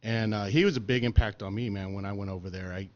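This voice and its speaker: A man's voice: fairly low pitch, fairly even intonation, fast, a little mellow, lo-fi sound. A middle-aged man telling stories in a casual podcast chat, laid-back and profane, with lots of fillers. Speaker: podcast interviewee.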